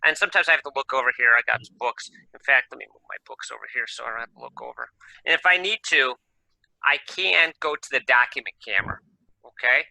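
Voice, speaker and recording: A man's voice: mid-range voice, quick pace, vocal fry, sharp tone, no room sound, poor audio. A man teaching an electronics class over a video call, talking casually and thinking aloud as he works the screen share. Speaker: electronics instructor. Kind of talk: live online class lecture.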